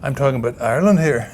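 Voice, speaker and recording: Mid-pitched man in casual interview. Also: darkish tone, slight background noise. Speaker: president of a national radio society. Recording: faint room ambience behind.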